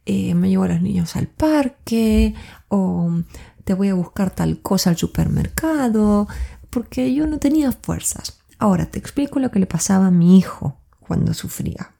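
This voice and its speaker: A woman's voice: medium pitch, lively intonation, moderate pace, vocal fry, warm tone. A middle-aged woman hosting a podcast, reflectively telling personal stories straight to the listener. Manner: reflective, addresses listener directly. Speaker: podcast host.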